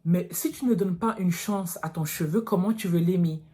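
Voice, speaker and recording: A woman's voice: lowish voice, normal speed, warm tone. A woman in her thirties from France, talking to her viewers in a casual vlog, frank and direct, calling them girls. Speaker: natural hair vlogger.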